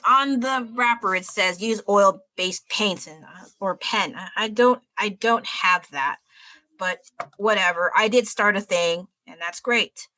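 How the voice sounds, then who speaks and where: A young woman chats through an art livestream, blunt and chatty, laughing at her own stories as she draws. Her voice is bright and a little sharp. The sound is dry and close, with no room around it. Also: mid-range voice, unhurried, no room sound. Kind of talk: casual chat while drawing.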